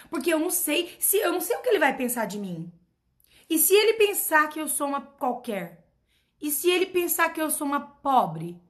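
A woman's voice: very high voice, fairly bright tone. A woman mentoring her followers in an emphatic motivational talk. She repeats her points and keeps asking rhetorical questions. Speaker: personal development mentor.

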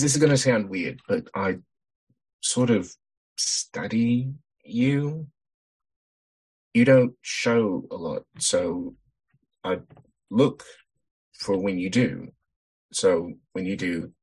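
A man plays his character in a tabletop game with halting, earnest, soft-spoken lines. His voice is very deep and heavily raspy, with a rough, husky texture. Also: poor audio. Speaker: player. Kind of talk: in-character role-play.

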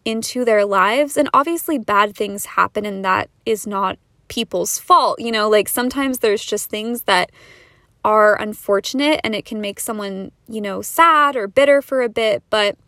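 A young woman hosts a casual solo podcast in a mid-range, slightly bright voice at normal speed, recorded studio-quality with no room sound. She talks earnestly and chattily, full of fillers like "like" and "you know", and sounds a bit out of breath from talking fast.

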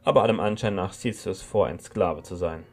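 A man's voice: low-pitched, a little fast, a little mellow, soft background music. A man voicing a stern, snippy woman of about thirty who holds the upper hand. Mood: firm, cool. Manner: snippy, firm, commanding. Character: stern red-haired woman around thirty, armed rebel.

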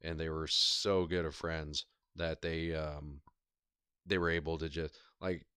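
A man in casual conversation, telling stories in a thoughtful, measured way with frequent ums. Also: a bass voice, level tone, bright, forceful tone, clear, resonant tone, no room sound, clean studio sound. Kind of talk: casual chat.

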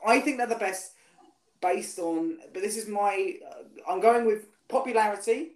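A podcast host with a high voice and measured pace chats casually in an echoey room. He quizzes his guest with many restarts and fillers.

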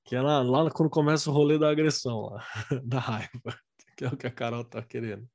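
A man's voice: mid-range voice, fairly even intonation, a little fast, darkish tone, no echo, clean studio sound. A man with a Brazilian Portuguese accent hosting a casual book discussion, colloquial and jokey.

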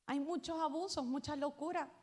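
A woman pastor preaches to her congregation in a high, bright voice. She swings from loud, ringing calls to soft, hushed asides as she talks. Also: fairly even intonation, normal speed. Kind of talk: sermon.

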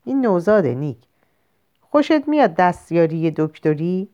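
A woman voicing a calm male country doctor and father in a storybook reading, patient and matter-of-fact as he explains. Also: on the low side, clean tone. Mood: explaining. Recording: lo-fi muffled recording.

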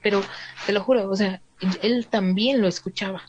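A woman with a Mexican Spanish accent telling a story in a relaxed, chatty way, acting out what each person said. The recording is slightly dull, with a faint hiss behind her. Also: medium pitch, normal speed. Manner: chatty, fills in with "o sea", acts out the dialogue. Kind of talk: casual storytelling to a listener.

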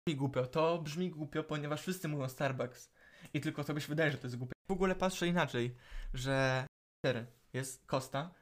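A man's voice: a little high, brisk. A teenage man co-hosting a casual podcast, often repeating words as he gathers his thoughts. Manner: hesitant, repeats words while thinking. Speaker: podcast co-host. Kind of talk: casual chat.

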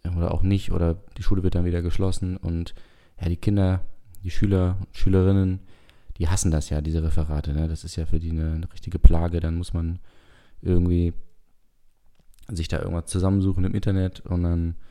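A man hosting a casual radio podcast in a rambling monologue, with a gravelly smoker's rasp, sounding a bit tired. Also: low-pitched, flat delivery, a little fast, mellow. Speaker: podcast and radio show host.

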